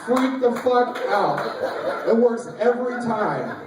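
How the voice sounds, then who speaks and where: Young male stand-up, high voice, crude and laughing, echoey room heard from afar. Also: takes it slowly, recorded from a distance, heavy background noise. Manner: crude, laughing, animated storytelling. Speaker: stand-up comedian. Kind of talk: stand-up routine. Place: small pizza shop show.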